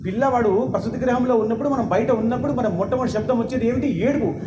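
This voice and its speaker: High-voiced man preaching in a hall. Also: quick pace, noisy background. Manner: emphatic, rhetorical questions, lecturing. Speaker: religious discourse speaker. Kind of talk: sermon. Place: temple hall. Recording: echoey hall with faint ambience.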